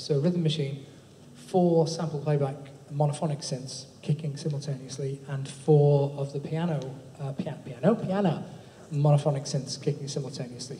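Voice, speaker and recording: A man presents at a live tech meetup in a chatty, informal way, dotting his talk with ums. His voice is dark and mellow, sitting a little high, and it carries a long reverb from a large hall with faint room noise behind. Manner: informal and chatty, with many ums and tag questions. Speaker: speaker presenting a project.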